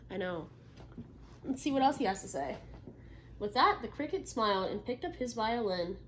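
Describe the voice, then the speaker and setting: A woman reads a picture book aloud like a teacher, with expressive narration, stopping to ask the listeners questions and affirm their answers. Her voice is medium in pitch and her manner is instructive as she checks in with them during this interactive children's read-aloud. Background noise is noticeable in the recording.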